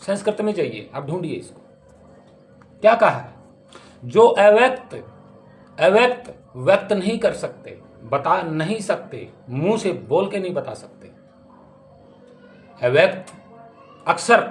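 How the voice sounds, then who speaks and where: A man with a notably high voice delivers a spiritual discourse on scripture. He speaks emphatically and keeps asking pointed rhetorical questions. Faint instrumental music plays underneath. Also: very animated, a little slow, pauses often. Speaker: spiritual teacher.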